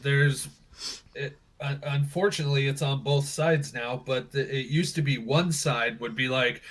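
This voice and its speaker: A man's voice: mid-range voice, steady tone, moderate pace, fairly bright tone. Earnest, hesitant man talking. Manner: earnest, hesitant, restarts while explaining. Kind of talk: casual chat.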